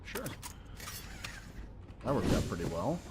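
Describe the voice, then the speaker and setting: Man streaming a game, slow and hesitant self-talk, noise clearly audible behind him. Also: low-pitched, sing-song. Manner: hesitant, musing to himself. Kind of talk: casual gameplay commentary.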